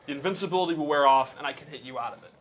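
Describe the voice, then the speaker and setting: A man with a somewhat high voice explains game mechanics in a relaxed, conversational way. He walks through each rule patiently, backing it up with example after example. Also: very fast. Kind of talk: casual technical explanation.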